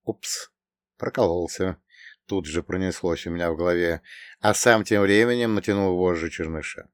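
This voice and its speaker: A man reading a first-person audiobook in an even, storytelling manner. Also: deep voice, a little fast, clear, resonant tone, dry recording, clean studio sound. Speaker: audiobook narrator.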